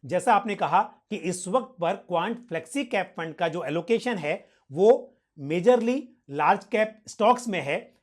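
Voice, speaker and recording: A man hosting a financial question-and-answer session, explaining formally and politely, with English financial terms mixed in. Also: high-pitched. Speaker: host answering viewer questions.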